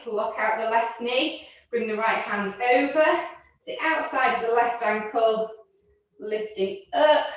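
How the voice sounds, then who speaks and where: A slightly high-voiced woman talks through a barre and mat workout at an unhurried pace, counting down reps and cueing each move. She is audibly out of breath. Her voice comes from some distance in a very echoey room. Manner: counts reps and cues moves, gently encouraging. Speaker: fitness instructor. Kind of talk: exercise class instruction.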